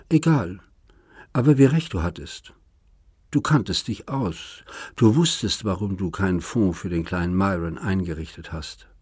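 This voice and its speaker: A man's voice: low-pitched, a little mellow, slightly rough, no echo, studio quality, heavily acted. A man reading an audiobook, voicing a bitter young woman in a hospital bed who accuses and mocks in a biting, sarcastic way. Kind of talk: audiobook character voice.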